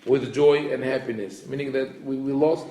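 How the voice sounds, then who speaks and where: Speaking at medium pitch in a steady tone over a noisy crowd, a rabbi leads a casual Torah lesson. He talks conversationally and frequently restarts his sentences. He reads Hebrew passages rapidly, then translates them, in an echoey room.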